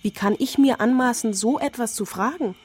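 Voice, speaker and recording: A woman narrating as a grown daughter in a radio play, quiet, bitter and reflective as she addresses her mother. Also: a little high, normal speed, breathy edge.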